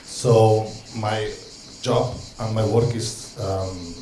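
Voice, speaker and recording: A man's voice: fairly low pitch, steady tone, extremely slow, echoey room, slight background noise, rough recording. A man from Catalonia speaking English with a Catalan-Spanish accent, giving a hesitant, earnest talk as a street social educator from notes. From Catalonia, Spain. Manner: hesitant, many ums and restarts, warm asides.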